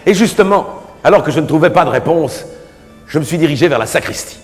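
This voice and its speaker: A male stand-up comedian telling a theatrical story on stage, lively and now and then shouting for effect. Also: on the high side, fast talker. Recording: live theater hall with reverb and music.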